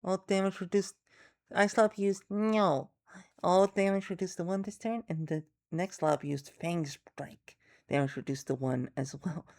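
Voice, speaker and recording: A woman co-hosting a reading of an interactive webcomic, narrating slowly and deliberately with occasional chuckles. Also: lowish voice, steady tone, a little mellow. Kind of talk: reading a comic aloud with a co-host.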